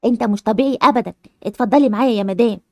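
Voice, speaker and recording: A woman's voice: fairly high pitch, rapid-fire, mellow, no room sound, close to an everyday voice. A woman voicing a blunt, outspoken woman doctor, speaking in an Egyptian accent. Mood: frank. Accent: Egyptian Arabic. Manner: frank, exasperated.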